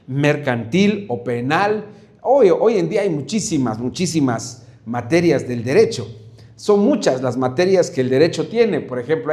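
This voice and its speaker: A man teaching a Bible study on Proverbs, animated, with frequent fillers and restarts. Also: mid-range voice. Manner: animated, acts out shouts and whispers in examples. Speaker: preacher.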